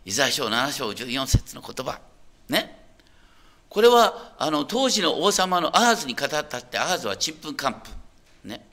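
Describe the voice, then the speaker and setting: A man's voice: a little high, sing-song, normal speed, pushed and bright. A man preaching a sermon as a pastor. He talks in a conversational way, puts questions to the listeners and often checks that they are following.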